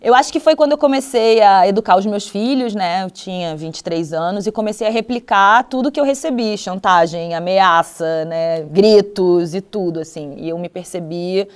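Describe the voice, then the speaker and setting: A woman's voice: medium pitch, moderate pace, few pauses, clear, resonant tone. Reflective Brazilian woman podcast host. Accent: Brazilian Portuguese. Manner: reflective and confessional. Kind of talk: opening narration, then candid conversation.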